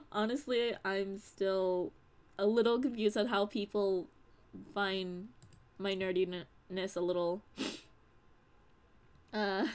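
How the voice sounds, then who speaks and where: Bubbly young woman rambling on her livestream, giggly, mid-pitched voice, reads chat out loud. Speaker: audio creator streaming live.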